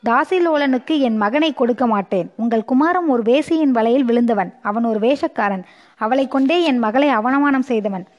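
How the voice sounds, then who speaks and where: A woman's voice: a little high, normal speed, darkish tone, natural voice. A woman voicing a proud middle-aged queen who speaks in a commanding, indignant way, on a muffled recording. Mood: furious.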